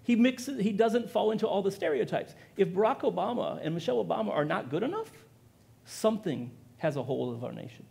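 A middle-aged man speaks on a discussion panel with a gravelly edge to his voice. He talks in an animated way, building his points to an audience. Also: sits high, fairly quick. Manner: animated, gestures while speaking. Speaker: history professor on a panel. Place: event hall with audience.

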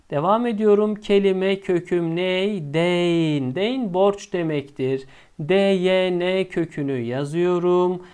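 A male teacher explaining a lesson step by step, asking himself questions and answering them, and drawing out the key words slowly. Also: high-pitched, darkish tone, clean tone.

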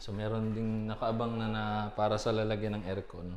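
A man in his thirties leads viewers through an empty building as he films on a phone held at arm's length. His voice sits fairly low and his talk is casual, with frequent fillers. A steady hiss of noise runs under the recording. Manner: chatty, with many fillers and pauses. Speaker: vlogger giving a tour. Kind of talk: casual vlog tour narration. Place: small empty building, indoors and street. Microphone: phone camera held at arm's length.

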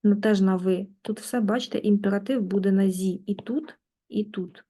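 A woman teaching German in a lesson, patiently working through exercises and repeating words slowly. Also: mid-range voice, fairly even intonation, dark tone, slightly rough. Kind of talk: online language lesson, explaining in Ukrainian.

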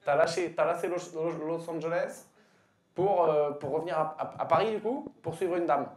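A man in his thirties doing stand-up crowd work on a comedy club stage with a handheld mic, teasing an audience member with loud punchlines and quick asides. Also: fairly high pitch, reverberant. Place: comedy club stage, dark curtain backdrop. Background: audience laughing.

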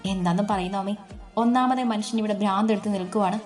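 A woman's voice: mid-range voice, quick pace, darkish tone, faint music behind, lightly acted. A woman voicing a young husband weighed down by debts, speaking in a hesitant, evasive way. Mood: strained.

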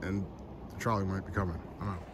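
Talking fast in a low, level voice, a man who is a podcast host and photographer rambles in casual, slangy, joking vlog chat. He records on a phone held at arm's length beside trolley tracks on a trestle, so the audio is noisy with clear outdoor ambience.

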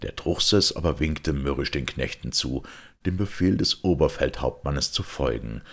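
Gravelly, very deep male narrator. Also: animated, moderate pace. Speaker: audiobook reader. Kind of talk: scripted narration.

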